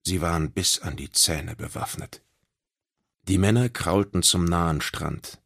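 A man narrating a children's audiobook in an expressive storytelling manner. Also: low-pitched, a little slow, vocal fry.

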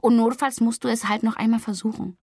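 A woman voicing a stern, sensible young man who speaks firmly and briskly, lecturing his cousin. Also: a little high, steady tone, a little mellow, slightly rough, no room sound, studio quality.

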